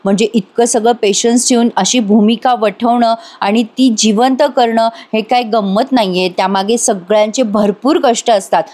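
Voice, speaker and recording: A woman's voice: on the high side, fairly even intonation, normal speed, hardly any pauses, a little mellow. A woman narrating a voice-over recap of a TV serial, chatting with her viewers and addressing them directly. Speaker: TV serial reviewer.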